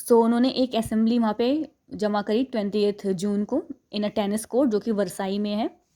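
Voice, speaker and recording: A young woman teaching a history class, reading English lines slowly and then explaining them in a Hindi-English mix, often checking in and correcting herself. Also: mid-range voice, steady tone, warm tone. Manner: self-correcting, stops to fix pronunciation.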